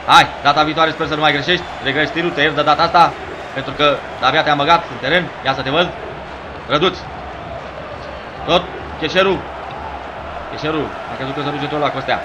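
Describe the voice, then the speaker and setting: A man commentating his own football video game match, yelling at his players and teasing them, hoarse from shouting. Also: a little high, long pauses, noisy background. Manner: yells at his players, rhymes and teases. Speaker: gameplay commentator.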